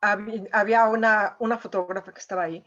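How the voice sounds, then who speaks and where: A woman's voice: medium pitch, fairly even intonation, fast, fairly bright tone, dull audio. A woman, a painter, telling an emotional story as an interview guest, with frequent filler words. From Mexico. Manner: emotional, lots of "o sea" and "eh" fillers. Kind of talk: conversational storytelling.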